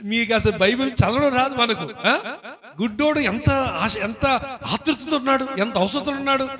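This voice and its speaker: A male pastor preaches in a church with a high, bright voice. He keeps firing questions at his congregation and teasing them. He breaks into quick impressions of the people he talks about. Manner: animated, acts out voices of people praying and scolding. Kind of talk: sermon.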